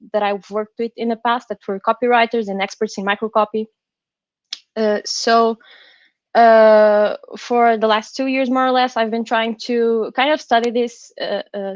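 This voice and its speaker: Woman giving an online workshop, careful halting english, highish voice, dry slightly muffled sound. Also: no room sound. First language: not English. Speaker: designer presenting a workshop. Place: indoors on an online call.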